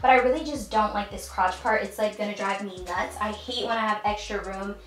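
A woman's voice: medium pitch, brisk, a bit bright. A young woman giving upbeat, chatty try-on haul commentary, talking straight to her viewers. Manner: chatty, upbeat, addresses viewers as you guys. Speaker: fashion vlogger. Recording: echoey room.

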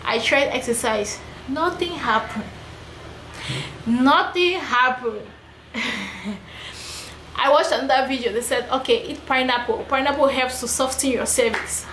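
Young woman vlogger, high voice, frustrated venting, echoey room, faint hiss. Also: normal speed, a bit bright. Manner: venting, repetitive, emphatic. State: heavily pregnant. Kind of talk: personal vlog, talking to camera.

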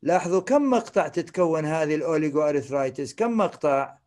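A man's voice: on the high side, animated, fast, a little mellow. A man with an Iraqi Arabic accent lecturing on medical terminology, repeating each term, dropping English terms into his explanation and checking that the class follows.

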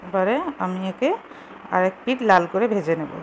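Speaking at normal speed in a fairly low voice, a woman explains a recipe step by step in plain, casual language. She's the host of a home recipe video filmed in a home kitchen, with clearly noisy sound.

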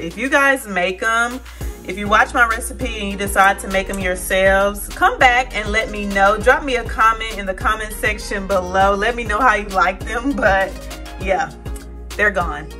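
A lifestyle vlogger in her thirties, this American woman speaks in a medium-pitched voice that is pushed and bright. She keeps the chat casual and informal, addressing her viewers as y'all from her parked car and home kitchen.

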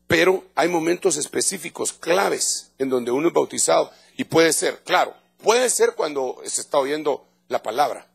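Gravelly, high-voiced Guatemalan preacher. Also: male voice, animated, normal speed, hardly any pauses. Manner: emphatic, conversational preaching to the congregation; repeats words and restarts phrases. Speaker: pastor. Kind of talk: evangelical sermon. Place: church in front of a congregation.

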